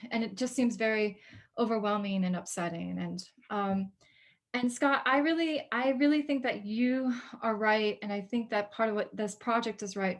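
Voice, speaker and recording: A young woman moderates an academic talk, thinking aloud in a hesitant way with frequent ums and restarts. Her voice sits at an everyday middle pitch. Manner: thoughtful, hesitant, with frequent fillers. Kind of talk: academic discussion.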